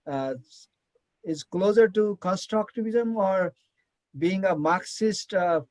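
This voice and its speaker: A man moderates an online academic session, pausing often on fillers and restarting sentences. His voice sits fairly high and the video-call audio is dry and close. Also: a little mellow, dry recording, poor audio. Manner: hesitant, many fillers and restarts. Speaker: session chair.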